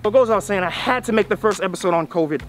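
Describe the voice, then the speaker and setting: A man's voice: high voice, very fast, a bit bright, faint music behind. A man in his thirties hosting a vlog to camera through a face mask, emphatic and repeating phrases for effect. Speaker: video series host. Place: outdoors on a tree-lined roadside.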